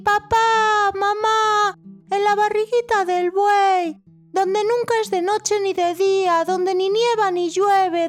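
A woman voicing a tiny, brave little boy in a children's story, with a high, slow, sing-song child voice. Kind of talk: storybook acting.

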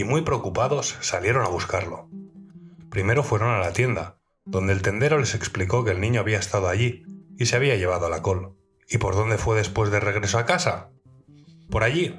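A man narrating a children's folk tale in a calm, clear storytelling manner. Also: lowish voice.

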